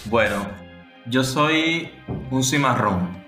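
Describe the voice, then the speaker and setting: A man in his twenties from Cuba with a Cuban Spanish accent, a guest in a podcast interview, lively and quick to laugh, often restarting his phrases. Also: mid-range voice, reverberant, soft background music. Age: 20s.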